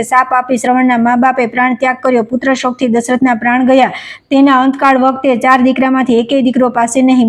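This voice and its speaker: A woman with a Gujarati accent reciting a devotional scripture story in steady, even recitation. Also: fairly high pitch. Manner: steady recitation, even delivery, quoted dialogue read without acting.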